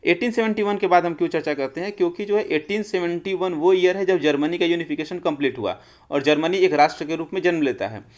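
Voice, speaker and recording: A man's voice: a little high, fast. A male teacher, giving an explanatory history lecture and often calling his students friends. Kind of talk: classroom lecture.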